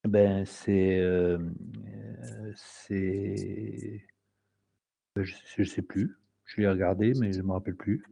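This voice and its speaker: A male student answering questions in class, hesitant and searching for the right words. His voice is low, dark and gravelly, with a husky edge. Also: little pitch movement, slow pace, pauses often.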